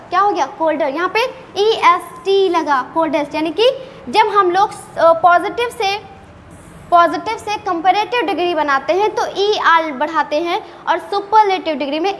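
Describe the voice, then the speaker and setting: A woman with a very high, slightly bright voice teaches a classroom-style English grammar lesson, playfully scolding and often posing rhetorical questions to her students. The recording has a long reverb and faint background noise.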